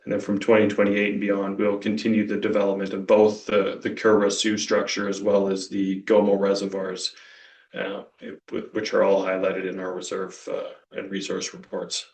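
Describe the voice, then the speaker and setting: A man presenting operations plans on a company earnings conference call, in a measured, technical way, walking through slides. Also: low voice, completely flat delivery, a little mellow. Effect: conference call audio. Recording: roomy, distant conference call audio.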